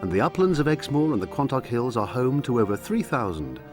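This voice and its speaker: Animated male nature documentary narrator. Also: medium pitch, fairly quick, over music.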